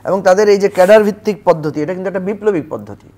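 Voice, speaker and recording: A man's voice: high voice, rapid-fire, dark tone. A man debating politics as a guest on a television talk show, arguing with rhetorical questions.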